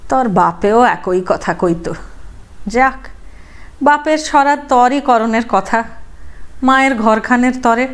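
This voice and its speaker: Woman reader as a quiet, firm widow, clear diction. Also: a little high, takes it slowly, long pauses, voice pushed up.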